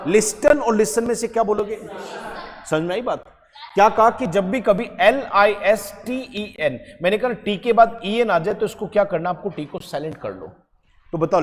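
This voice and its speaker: A man teaching an English grammar lesson to a class, lively and quizzing his students with repeated questions. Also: high voice, moderate pace, long reverb tail. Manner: lively, quizzing students, calls them beta.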